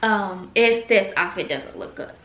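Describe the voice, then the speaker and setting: With a medium-pitched, fairly bright voice and a measured pace, a young vlogger from Washington State talks casually to a handheld camera, peppering her speech with "like." She films at home in the kitchen and living room, then in a car, with a little hiss or hum.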